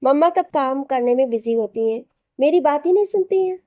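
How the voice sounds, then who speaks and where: A woman's voice: sits high, expressive, brisk, mellow, dry recording. A woman voicing a mischievous three-year-old boy who talks in an innocent, childish way. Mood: pleading innocent.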